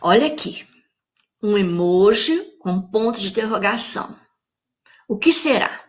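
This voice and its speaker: A woman teaching a recorded lesson for young children with a Brazilian Portuguese accent. She is patient, checks in with the children and sounds words out slowly. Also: medium pitch, lively intonation. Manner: patient, speaks straight to the children with check-in questions; spells words out syllable by syllable. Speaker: primary school teacher.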